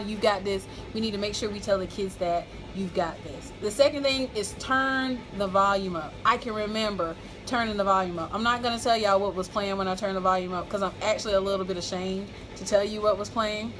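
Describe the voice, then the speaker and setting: An American woman speaking as a school principal, giving an encouraging, emphatic motivational talk to staff and repeating key phrases. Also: mid-range voice.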